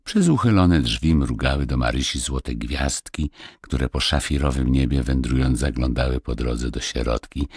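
A man narrating a fairy-tale audiobook with expressive storytelling. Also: extremely low pitch, normal speed, husky, no room sound, studio quality.

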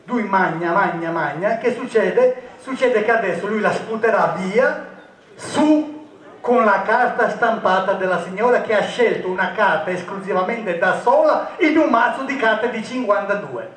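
High-voiced joking stage magician man. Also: normal speed, fairly bright tone. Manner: jokey, teasing patter with volunteers. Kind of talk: comic magic show patter to a live audience. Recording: echoey, distant stage recording.

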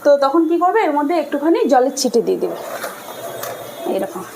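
A woman's voice: high-pitched, big pitch swings, brisk, creaky, mellow, slight background noise, low-quality recording. A woman chatting to viewers as she cooks in her home kitchen. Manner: chatty, talks to viewers while cooking. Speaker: cooking vlogger. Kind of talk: casual cooking narration. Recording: kitchen clatter behind voice.

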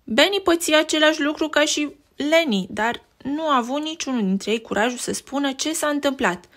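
A woman reading a picture book aloud to a child, lively and pointing out the pictures as she goes. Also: high voice. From Romania.

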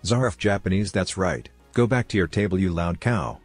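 A man's voice: deep voice, lively intonation, normal speed, dry recording, soft background music. A man voicing a mischievous young man who teases a rude diner with mock anger. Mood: teasing. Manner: teasing, mock-angry.

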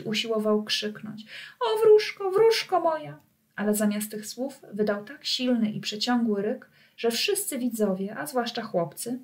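A woman storyteller reading a classic children's tale aloud to young listeners. Her narration is calm and even, at a middle pitch for a woman.

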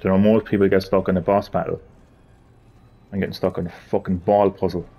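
Male gamer, husky, frustrated running commentary, mutters and swears. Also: sits low, flat delivery, a little fast, muffled recording. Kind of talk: gameplay commentary.

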